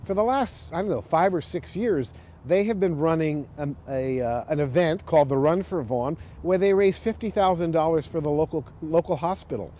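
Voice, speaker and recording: A man's voice: a little high, normal speed, mellow, slight background noise. A man, a local official, speaking in an interview in an assured, explanatory way.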